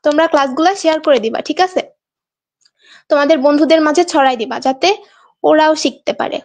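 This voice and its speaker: High-voiced chatty woman teacher. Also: brisk. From Bangladesh. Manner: chatty, coaxing, reads out student answers. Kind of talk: live online exam-prep class.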